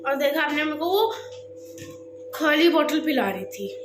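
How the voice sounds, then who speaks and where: Young female vlogger, high and giggly, playful; echoey noisy room. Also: lively intonation, unhurried, over music. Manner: playful, giggly, addresses viewers as guys. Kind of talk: casual home vlog.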